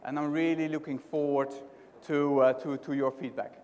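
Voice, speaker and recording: A middle-aged Dutch man from the Netherlands gives a conversational keynote in a large hotel conference hall, often restarting phrases and putting questions to the audience. His voice is a little high and a little mellow, with little pitch movement and a normal pace, and the hall adds reverb.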